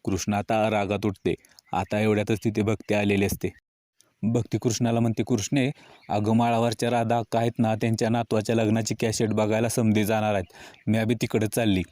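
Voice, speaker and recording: A man's voice: lowish voice, a little fast, no room sound. A man narrating a recap of a TV serial episode, reading the characters' lines in the same storytelling voice. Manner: even storytelling with quoted lines read in his own voice.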